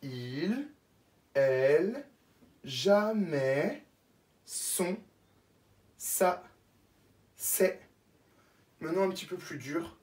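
Woman teacher, low voice, slow, spells words letter by letter, echoey room. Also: animated, darkish tone, distant mic. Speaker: first-grade teacher. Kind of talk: dictation lesson for young children.

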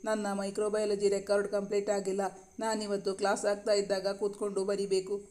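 A man voicing a young woman medical student, speaking softly and earnestly in a storybook reading. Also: high-pitched, monotone, a little fast, lightly acted. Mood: matter-of-fact.

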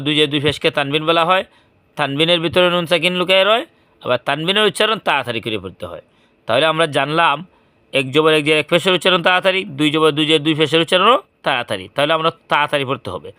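A man teaching Quran reading, slowly spelling out letters and vowel marks syllable by syllable for his students. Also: fairly high pitch, bright, forceful tone, clear, resonant tone, no room sound. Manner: slow, patient letter-by-letter recitation. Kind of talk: spelling-drill lesson.

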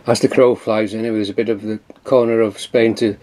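Wind and water noise fill this handheld camera recording of a man narrating his sailing trip alone, at sea and in port. His lowish voice stays level, moves a little fast and sounds slightly mellow and dry, while his talk rambles with frequent ums and uhs.

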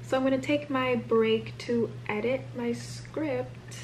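A woman's voice: high voice, takes it slowly. Chatty young woman vlogging her week. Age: young adult. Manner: chatty, animated, thinking aloud to the camera. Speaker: college student vlogger. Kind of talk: casual vlog narration. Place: at home.

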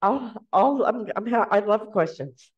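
A woman giving an informal storytelling talk as guest speaker, chatty and quick to laugh, recorded in a lecture room. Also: medium pitch, animated, slightly rough. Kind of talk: casual storytelling presentation. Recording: dull lo-fi recording.

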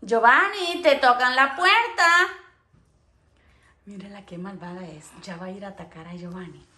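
A woman's voice: medium pitch, normal speed, pushed and bright. A woman talking playful baby talk to her pet parrots, cooing and often laughing.

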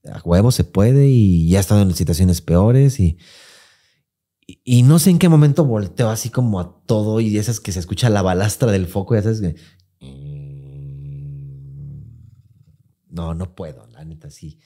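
His voice is deep and unhurried, with a Mexican Spanish accent. On a podcast he co-hosts, he relates a personal anecdote in relaxed talk loaded with slang and profanity. He brings it to life by acting out the quotes.

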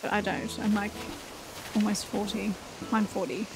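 A let's play host in her forties chats casually and self-deprecatingly while playing a game, thinking aloud as she goes. Her medium-pitched voice moves little in pitch and keeps a moderate pace, with music in the background and poor audio.

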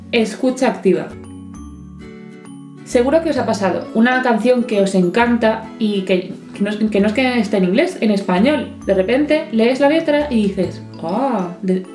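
A woman from Spain giving a lively, chatty poetry lesson with playful asides. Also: fairly high pitch. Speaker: literature teacher. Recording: echoey room, soft guitar music.

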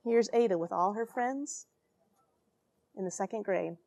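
With a gravelly, dark, mid-range voice and a measured pace, an American astronaut in her forties reads a children's picture book expressively. She leans into dramatic moments and tosses friendly remarks to young listeners, all from a small space station airlock packed with equipment, in a dry recording.

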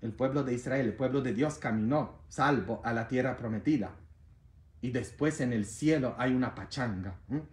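A man preaching a sermon as a priest, playful and animated, with bursts of shouting. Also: mid-range voice, normal speed. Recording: roomy echo.

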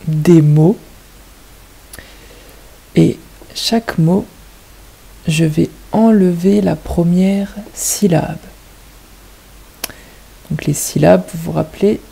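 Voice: mid-range voice, vocal fry, mellow, breathy edge, rough recording. A kindergarten teacher with a French accent, patiently explaining a lesson to young children and asking them questions step by step.

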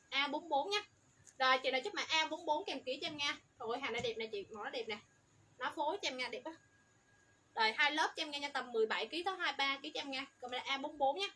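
A woman selling children's clothes on a livestream, rattling off product codes and sizes in an upbeat sales pitch. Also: bright, forceful tone, slight background noise.

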